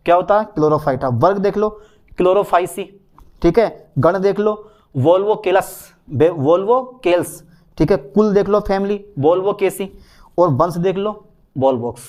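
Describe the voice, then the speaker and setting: A man's voice: high-pitched, a little mellow. A male botany teacher giving an online exam-prep lesson, repeating key points and reassuring his students.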